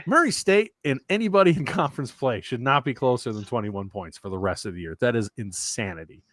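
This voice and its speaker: A man's voice: mid-range voice, expressive, brisk, fairly bright tone, no room sound, clean studio sound. A man co-hosting a casual sports betting show, speaking bluntly and emphatically with joking trash talk. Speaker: co-host.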